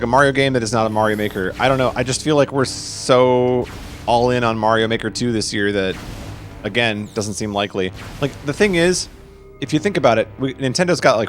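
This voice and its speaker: Playing a game on a live stream, this man chats casually and fields viewers' questions as gameplay commentary. His voice sits mid-range and is slightly bright.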